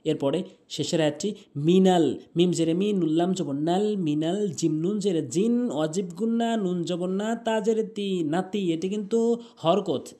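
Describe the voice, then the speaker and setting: In this Quran pronunciation lesson, a man whose voice sits high and sounds warm breaks the verse into individual letters and vowels. Afterward he chants it at a slow pace with lengthy, drawn-out notes.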